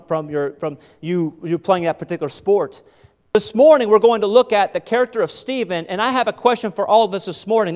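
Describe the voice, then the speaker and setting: High-voiced preacher in a reverberant church. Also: male voice. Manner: animated preaching, voice swells and drops with many restarts. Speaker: pastor. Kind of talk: sermon. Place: church sanctuary. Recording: long hall reverb.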